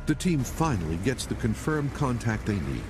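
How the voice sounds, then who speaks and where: A man's voice: mid-range voice, big pitch swings, normal speed. A man reading scripted narration as the narrator of a documentary. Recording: loud music under the voice. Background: music.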